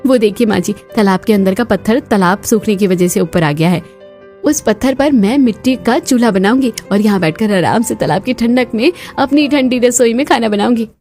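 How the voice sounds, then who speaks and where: A woman's voice: a little high, fairly quick, darkish tone, soft background music, natural voice. A woman voicing a hardworking, caring young daughter-in-law in a cartoon story, talking earnestly. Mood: eager. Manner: earnest, scolding, eager.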